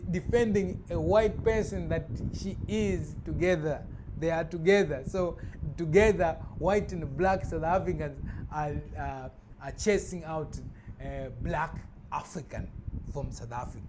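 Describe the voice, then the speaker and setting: A man giving casual spoken commentary, halting and restarting often with many fillers. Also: on the high side. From Tanzania. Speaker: vlogger. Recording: noisy background ambience.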